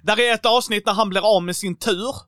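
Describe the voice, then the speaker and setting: A man's voice: high voice, a crowd in the background. A man in a casual chat, talking enthusiastically and acting out little quotes as he goes. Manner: enthusiastic, animated, quotes himself and others in little acted bits. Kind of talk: casual chat about TV series.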